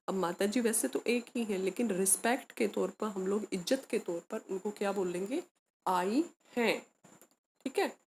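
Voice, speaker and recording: A woman's voice: medium pitch, darkish tone, a little hiss or hum. A woman teaching a grammar lesson to students, explaining patiently, asking questions and answering them herself, and mixing in English words. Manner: calls students beta, mixes English words.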